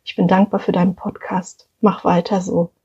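A woman's voice: lowish voice, little pitch movement, normal speed, warm tone, breathy edge, dull audio. A mother sending a voice message, telling an anecdote about her young daughter and thanking the host. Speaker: mother of a three-year-old. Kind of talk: casual spoken anecdote.

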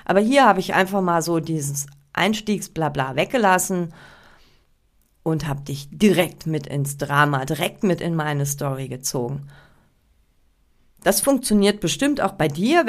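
A woman coaches her listener directly in a relaxed, chatty monologue. Her voice sits on the low side, and she thinks aloud with little fillers and restarts as she gives her tips. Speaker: podcast host giving presentation tips.

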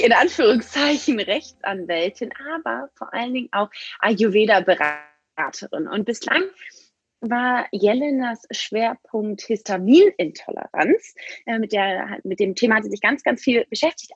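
A woman hosting a podcast interview, welcoming her guest with halting fillers, heard through a low-quality lo-fi recording from a small booth. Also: expressive, husky, no room sound, soft background music. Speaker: podcast host. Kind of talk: interview intro and questions. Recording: dull lo-fi backup mic.

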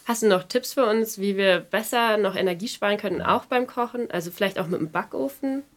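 Young woman chatting casually, mid-pitched. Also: brisk. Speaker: student showing her shared flat. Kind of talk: casual chat. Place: on location in a home kitchen.

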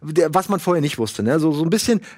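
A man casually reviewing a book in a video, rambling with lots of fillers and lively asides. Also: a little high, quick pace, dry recording, studio quality.

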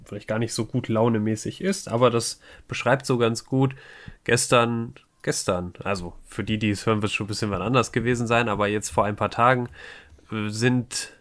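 A man co-hosting a podcast, chatting casually and rambling a little as he introduces a song. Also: mid-range voice. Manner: relaxed, rambling, self-correcting. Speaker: podcast co-host.

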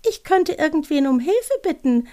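A woman's voice: animated, moderate pace, dark tone. A woman voicing a small, anxious owl from a children's book that dithers and talks worriedly to itself. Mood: fretful. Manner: high, hesitant, worried self-talk. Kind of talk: reading aloud from a children's book.

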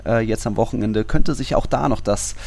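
Low-ish, gravelly and dark in tone, a man's voice proceeds at normal speed. He's a football podcast host working methodically through results and stats in detail.

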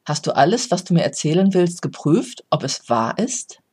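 A coach reading a parable, voicing a calm, wise old male philosopher who speaks slowly and gently instructs. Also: medium pitch, slightly rough. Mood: calm, admonishing. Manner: slow, measured, gently instructive. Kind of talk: storytelling.

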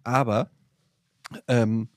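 A man, hosting a podcast and telling a long, animated anecdote in casual chat. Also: medium pitch, very slow, no room sound, clean studio sound. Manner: animated anecdote-telling, voices his mother. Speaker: podcast host.

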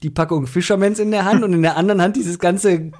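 A man, telling a funny anecdote as a podcast co-host, animated and full of laughs. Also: high-pitched, fast talker. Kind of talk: casual storytelling chat.

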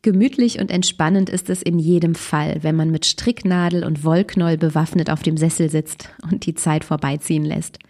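A woman host introducing stories in a calm, friendly, scripted moderation. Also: low-pitched, normal speed, hardly any pauses.

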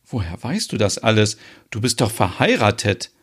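A man's voice: on the low side, very animated, normal speed, a bit bright, breathy edge, full character voice. A man voicing a flustered middle-aged woman who is naive about online dating, speaking hesitantly and stammering as she gets embarrassed, in a podcast soap opera.

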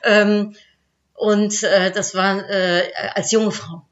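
A woman's voice: medium pitch, little pitch movement, slow, lo-fi sound. A woman hosting a podcast interview, enthusiastic and full of filler sounds. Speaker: podcast host.

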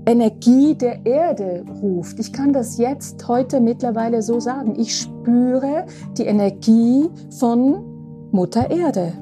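A woman nearing sixty speaks in a slightly raised, very mellow voice. She talks unhurriedly through a reflective spiritual monologue, often pausing to ask "ja?", with faint guitar music behind her. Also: on the high side. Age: 50s. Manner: slow, reflective, with frequent asking "ja?". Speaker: podcast host.

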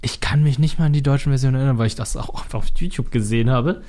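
Brief: podcast co-host, relaxed and agreeable, middle pitch. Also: male voice, rapid-fire. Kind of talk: casual chat.

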